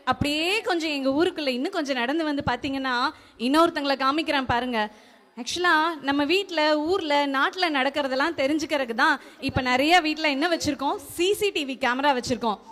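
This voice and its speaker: A woman's voice: sits high, a bit bright. A woman playing a chatty village nurse who guides the audience through the village, in an amateur role play. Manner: chatty, guiding.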